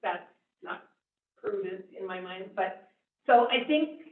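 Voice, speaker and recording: Speaking slowly with lively intonation, a medium-pitched woman presents finances to a school board as the district's finance officer, plain-spoken and using fillers as she thinks aloud. The audio is thin and lo-fi, echoing in the room with her far from the mic.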